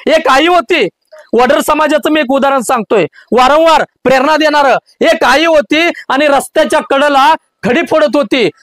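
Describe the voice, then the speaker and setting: A man delivering a motivational speech with fervent, emotive storytelling and a rousing call to his listeners. His voice is very high for a man, and the sound is dry and close. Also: moderate pace, a bit bright, no echo. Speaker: motivational speaker.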